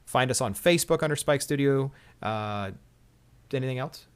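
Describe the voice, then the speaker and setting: A man's voice: medium pitch, moderate pace, smooth. A man co-hosting a casual tech show, griping with exasperation about a product he is reviewing.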